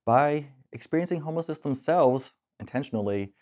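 A young man in his twenties hosting an interview, reading clear introductions and asking questions. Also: on the high side, lively intonation, a little fast. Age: 20s. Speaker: podcast host. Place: bright office room with large windows. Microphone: lapel mic.

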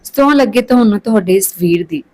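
A sincere young man in love, anxious and tender, talking things through with feeling, as a woman reader puts him on. The voice stays close to her own, only a touch lower, for a storybook reading. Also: lively intonation, fairly quick, a little mellow, lightly acted, poor audio. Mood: pleading.

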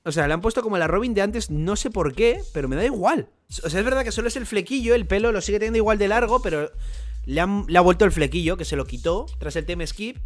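A young man with a Spanish accent from Spain, chatting excitedly and slangily as a streamer reacting to a new manga chapter. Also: high voice, quick pace. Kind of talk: casual live-stream reaction.

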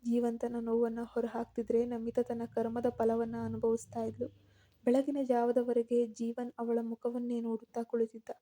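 Flat, dark-voiced woman storyteller. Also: fairly high pitch. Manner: steady, measured reading. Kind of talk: scripted story narration.

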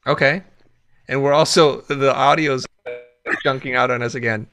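A man hosting a casual livestream chat on a video call, jokey and quick to laugh. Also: mid-range voice, fairly even intonation, fairly bright tone, slight background noise. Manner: jokey, laughs often, slips into whispers. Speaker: host.

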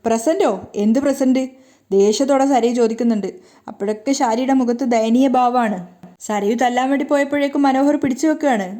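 Brief: woman narrator, quick chatty recap of a soap plot, mellow slightly high voice. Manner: brisk, conversational storytelling. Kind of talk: casual story retelling.

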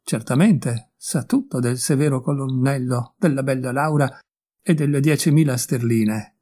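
A man's voice: medium pitch, normal speed, mellow, slightly rough, lightly acted. A man voicing a witty, worldly young male painter in an audiobook, speaking in a breezy, teasing way. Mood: amused. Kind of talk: audiobook character voice.

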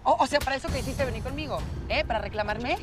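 An actress playing a jealous, controlling young wife, domineering and accusing. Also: female voice, high-pitched, fast talker, over music, natural voice. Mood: furious. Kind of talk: telenovela acting.

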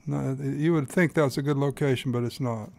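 A man's voice: mid-range voice, steady tone, normal speed, vocal fry, a little mellow. A man hosting and narrating his own fishing video in an easygoing, folksy explaining manner. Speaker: fly-fishing guide and host.

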